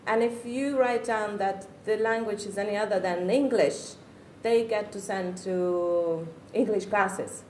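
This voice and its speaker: A slightly mellow, medium-pitched voice belongs to a middle-aged woman from the Czech Republic who speaks with a Czech accent as a native speaker. As a parent, she offers an earnest, reflective testimony and searches for her words. There's faint noise and an echoey room in the recording.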